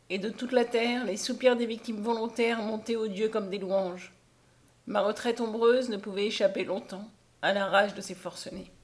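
Woman reading a literary audiobook. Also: a little high. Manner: measured, expressive reading. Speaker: audiobook reader.

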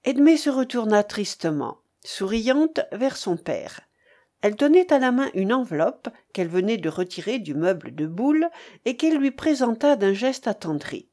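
A woman narrating a classic novel for an audiobook in a measured, expressive way. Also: fairly high pitch.

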